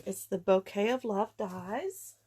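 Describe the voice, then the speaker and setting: A congested woman leads an easygoing craft tutorial, narrating every step in a chatty way. She takes her time, speaking at an unhurried, drawn-out pace. Her voice sits at an ordinary middle pitch, with faint clicks in the background. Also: darkish tone, a little hiss or hum. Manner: chatty, unhurried, talks through each step. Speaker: card-making demonstrator.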